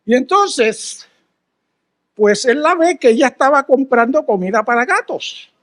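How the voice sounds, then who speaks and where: Male guest preacher, very high voice, animated storytelling with pauses. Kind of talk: storytelling sermon.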